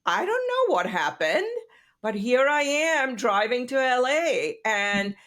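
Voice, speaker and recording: An Indian woman in her fifties appears as a guest therapist on a casual podcast, telling stories in an animated, chatty, expressive way. Her voice is fairly high and slow.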